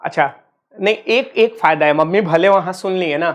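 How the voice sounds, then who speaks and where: A man's voice: high-pitched, normal speed. A man from Uttar Pradesh, India, teaching a physics lesson online in a playful, teasing way and calling his students kids. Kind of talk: online exam-prep lecture.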